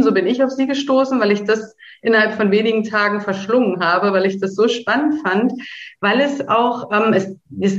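A woman hosting a podcast interview, eager and effusive as she introduces and questions her guest. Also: mid-range voice. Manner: eager, effusive, repeats "spannend". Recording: roomy, dull lo-fi sound.

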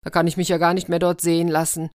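A woman's voice: low-pitched, moderate pace, dry recording, studio quality, lightly acted. A woman putting on a sly old devil, mocking and whiny. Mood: whining. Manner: mocking, later whining.

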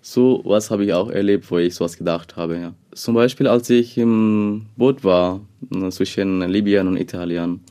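In a low-pitched, mellow voice with a steady tone, a young Bangladeshi man responds to interview questions. English is not his first language, and he hesitates often, filling pauses with many fillers.

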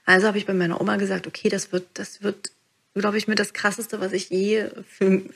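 Husky, gravelly-voiced woman coach. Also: mid-range voice, brisk. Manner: calm, guiding, drops to soft whispers on key phrases. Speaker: meditation teacher and coach. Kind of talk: podcast monologue.

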